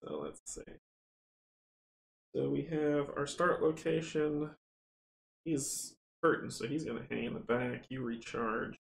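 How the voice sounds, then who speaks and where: Gravelly middle-aged man, roomy sound. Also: medium pitch. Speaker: solo board game player and host. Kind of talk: casual playthrough commentary with rulebook reading. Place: small indoor home game room. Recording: roomy, faint background noise.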